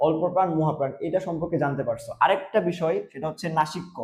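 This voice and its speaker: Young male teacher, fairly high, mellow voice; quizzes himself aloud, punches key words. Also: rapid-fire, reverberant. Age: young adult. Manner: explains by asking and answering his own questions; stresses key terms loudly. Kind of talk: classroom lesson.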